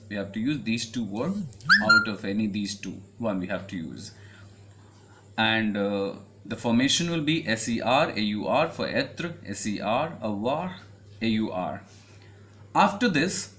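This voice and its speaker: A man's voice: medium pitch, fairly bright tone. A man with an Indian English accent teaching a French grammar lesson, spelling out letters and patiently repeating each point.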